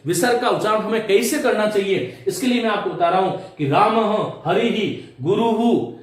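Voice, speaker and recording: A man teaching Sanskrit grammar in a classroom lecture, explaining slowly, repeating terms and quizzing his students. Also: high-pitched, distant mic. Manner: chants declension tables in a sing-song. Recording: very echoey room, off-mic.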